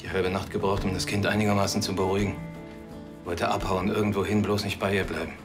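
A man's voice: deep voice, little pitch movement, quick pace, over music, lightly acted. A man playing a protective father under questioning, defensive, terse and aggrieved.

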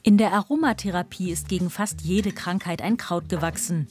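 A woman reading scripted narration for a TV report in an even, factual manner. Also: lowish voice, moderate pace, faint music behind.

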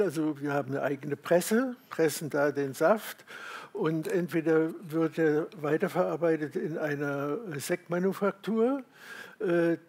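A man's voice: fairly high pitch, darkish tone. A man in his sixties, a talk show guest, explaining things with many hesitations. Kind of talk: casual chat.

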